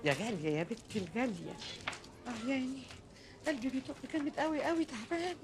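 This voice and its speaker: Woman doing a busybody Egyptian aunt, older, rapid speech, slightly high, bright, scolding, TV drama. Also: natural voice. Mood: lamenting, gossiping. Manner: scolding, fast, shouting in quarrels. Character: grieving, meddling aunt, loud and quick-tempered.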